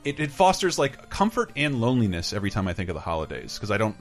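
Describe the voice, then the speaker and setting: A man's voice: lowish voice, huge pitch swings, quick pace, faint music behind. A man hosting a podcast in casual chat, rambling and enthusiastic, swearing freely. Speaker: podcast host.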